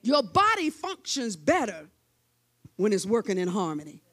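A woman's voice: medium pitch, big pitch swings, normal speed, fairly bright tone. A woman preaching a sermon to a church congregation, leading them in call-and-response chants and using hands-on examples. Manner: demonstrative, uses hands-on examples.

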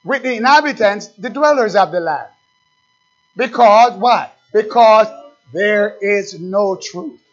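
In a dull, lo-fi recording, a man with a high-pitched voice preaches a fiery sermon as pastor. He swings from low asides to loud outbursts, leans hard on slowly read scripture, and fires questions directly at his listeners.

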